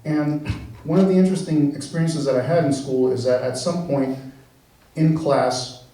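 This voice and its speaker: A man, an engineering professor raised in Venezuela, giving a relaxed public science talk with lots of fillers and restarts. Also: on the high side, moderate pace. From born in the US, raised in Venezuela. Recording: very echoey room, mic far off.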